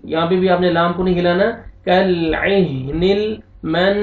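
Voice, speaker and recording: A man teaching Quran recitation, slowly spelling out syllables and chanting them, then explaining pronunciation briskly. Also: sits high. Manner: slow drawn-out recitation alternating with brisk explanations. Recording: tinny phone-like audio, roomy echo, distant from mic.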